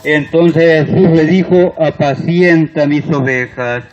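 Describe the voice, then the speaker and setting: A man reading scripture aloud in a slow, measured way. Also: on the high side, darkish tone, muffled recording, a little hiss or hum. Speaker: scripture reader.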